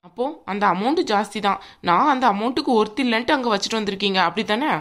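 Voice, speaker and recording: Woman doing a fast, nagging cartoon bride-to-be. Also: mid-range voice, a bit bright, natural voice. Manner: nagging, sarcastic. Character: quarrelsome young bride-to-be, sharp-tongued. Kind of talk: cartoon voice acting.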